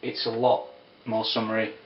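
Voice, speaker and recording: A man giving a casual spoken whisky review, unhurried and descriptive with wry asides. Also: on the low side, completely flat delivery, slight background noise. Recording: roomy, distant, dull lo-fi sound.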